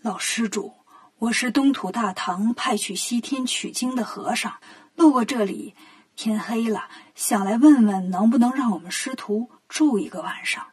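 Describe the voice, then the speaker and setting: A woman voicing a timid, tearful male monk master in a children's story, speaking softly and fretfully. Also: fairly high pitch, moderate pace, slightly rough. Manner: soft, fretful, gentle.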